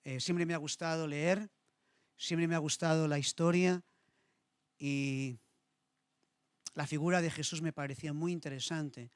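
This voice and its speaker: A man's voice: fairly high pitch, steady tone, a little slow, pauses often, clean tone, no echo, studio quality. A middle-aged man preaching a sermon, telling a personal story with feeling and repeating his phrases. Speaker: pastor.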